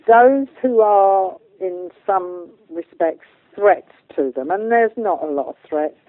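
A woman who works as a medium and channeller is a guest on a spiritual interview, talking informally in colloquial language with an earnest, emphatic tone. Her voice is lowish. The line sounds narrow and phone-like, dry with no echo.

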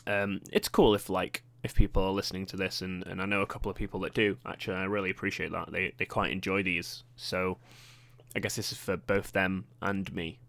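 A man's voice: deep voice, level tone, fairly quick, vocal fry, a bit bright, no room sound. A young British man with a posh accent, hosting a casual solo podcast in a rambling, self-deprecating way with lots of fillers. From Britain. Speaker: podcast host.

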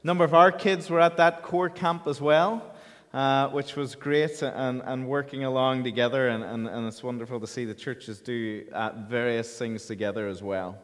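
A man's voice: mid-range voice, steady tone, moderate pace, a bit bright. A man with a Donegal accent, a pastor preaching an informal, conversational sermon in an echoey church hall. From County Donegal, Ireland. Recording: echoey hall with long reverb.

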